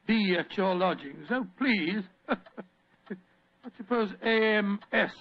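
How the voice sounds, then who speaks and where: A man's voice: high voice, expressive, a little slow. A man playing a courteous, fussy British doctor and sidekick in an old-time radio mystery, blustering and stammering politely as he repeats himself. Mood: curious, chatty. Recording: dull vintage radio drama recording.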